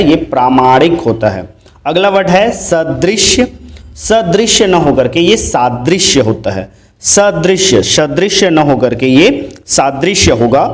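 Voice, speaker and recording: A man teaching a grammar lesson, spelling words out letter by letter and repeating each one. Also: a little high.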